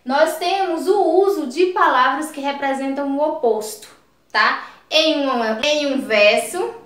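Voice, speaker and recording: A woman teacher explaining a lesson slowly and patiently, stretching key words and checking in with short questions to the listener. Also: high voice, a bit bright. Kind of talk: recorded lesson. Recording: echoey room.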